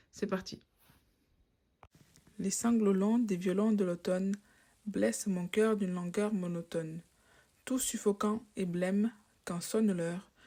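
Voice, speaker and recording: A woman's voice: lowish voice, mellow. A woman doing a casual product review, thinking aloud and often restarting her sentences. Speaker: tech reviewer.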